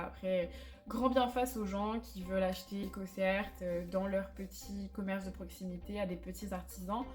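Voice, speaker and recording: Young woman vlogger, chatty and candid, mid-pitched voice, faint music underneath. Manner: chatty, candid, self-mocking, many fillers. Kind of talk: casual chat to camera. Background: faint background music.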